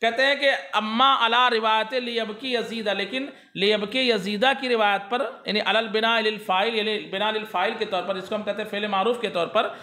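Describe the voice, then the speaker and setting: Male grammar teacher, keeps quizzing the class, sharp bright tone. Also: high-pitched, fairly even intonation, a little fast, hardly any pauses, echoey room. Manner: asks students questions and answers them himself. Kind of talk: classroom lesson explaining a text.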